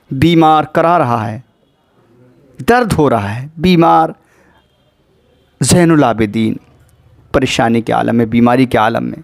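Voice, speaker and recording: A male religious orator narrates a martyrdom account with dramatic, mournful feeling, breaking in with pious exclamations. His voice sits a little high. The recording is dry and close. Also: no room sound.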